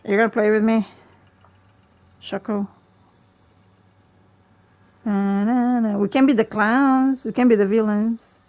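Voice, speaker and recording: A young woman streaming a game from her chair at home, talking in an easygoing, unhurried way. She keeps up a playful, chatty patter with her teammates and laughs often. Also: on the high side, fairly even intonation, muffled recording. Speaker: gaming livestreamer. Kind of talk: casual live gameplay chat.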